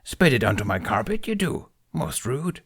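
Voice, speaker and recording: A man's voice: mid-range voice, sing-song, moderate pace, slightly rough, voice pushed up. A man voicing Yoda, an ancient tiny male alien sage who speaks in inverted word order. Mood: chiding. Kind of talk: fan audiobook reading.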